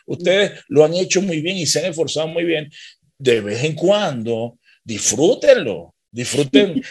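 A man's voice: a little high, breathy edge. A man co-hosting a faith-based talk show, speaking earnestly and reflectively, often repeating phrases for emphasis. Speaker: co-host.

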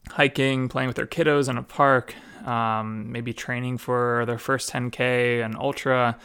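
A young adult man talks casually as a mobility coach. His voice is gravelly yet smooth and resonant. He keeps a loose, conversational flow full of fillers and restarts. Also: medium pitch, level tone, measured pace, a bit bright. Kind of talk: casual explanatory talk.

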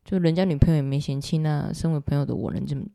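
A woman's voice: low voice, racing, vocal fry, warm tone, no room sound, studio quality. A woman podcast host with a Taiwanese Mandarin accent, telling a personal story in an emotional, confiding way. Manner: emotional, confiding, keeps asking "you know?".

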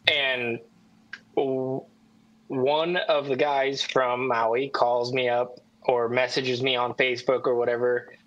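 A middle-aged man, a podcast co-host, telling a story in a warm, unhurried way. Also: mid-range voice, flat delivery, dry recording, lo-fi sound. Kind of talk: casual storytelling.

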